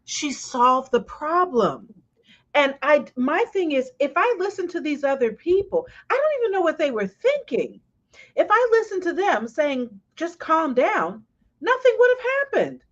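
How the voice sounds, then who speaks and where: Woman, coach hosting a chat show, animated storyteller, casual, dull lo-fi sound. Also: sits high, normal speed. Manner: animated storyteller, swings loud when quoting. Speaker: podcast host and coach.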